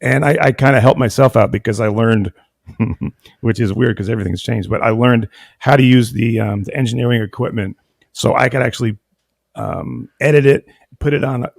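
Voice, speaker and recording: A man with a gravelly edge to his voice, chatting as a guest. He meanders and stalls on fillers, and the sound is dry and close. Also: medium pitch, no room sound. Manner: rambling, many ums and uhs, halting. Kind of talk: casual interview chat.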